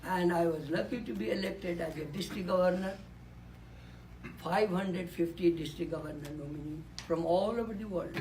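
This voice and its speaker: A man from Nepal, aged in his 80s, delivers reflective panel remarks in a conference room through a handheld or podium mic, stressing key words by repeating them. He talks at a moderate pace in a high, slightly mellow voice, and there's a little hiss or hum.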